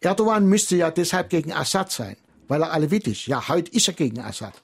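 Gravelly, husky man explaining on radio. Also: a little high, lively intonation, fairly quick. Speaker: expert guest on a radio call-in.

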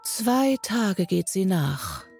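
A woman voicing a fretful, worried hatter who speaks slowly and wearily in a radio reading. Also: fairly low pitch, gravelly, a little mellow, faint music behind.

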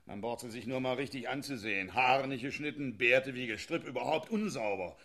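A man's voice: medium pitch, a little fast, bright, forceful tone. An actor playing a smug married policeman who chuckles as he justifies harsh policing in a satirical sketch. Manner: self-righteous, chuckling, conspiratorial. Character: smug male riot policeman, married father. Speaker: policeman character.

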